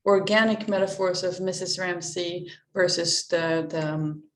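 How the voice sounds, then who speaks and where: A woman's voice: fairly low pitch, steady tone, unhurried, slight background noise. A woman asking a panelist a question in an academic discussion over a video call. She sounds polite and apologetic and searches for her phrasing. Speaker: audience questioner.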